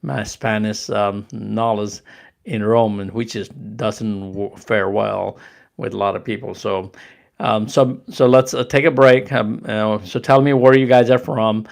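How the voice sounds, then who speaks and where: Halting, gravelly Nepali-accented older man. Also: lowish voice, steady tone. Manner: halting, many restarts and fillers. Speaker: live stream host. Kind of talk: casual live stream talk.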